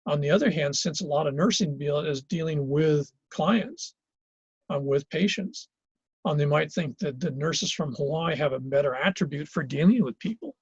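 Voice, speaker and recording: A man's voice: on the high side, normal speed, breathy edge, no room sound, dull audio. A man teaching a college geography class in Hawaii, lecturing conversationally with lots of fillers and restarts. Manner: conversational, thinks aloud with many fillers and restarts.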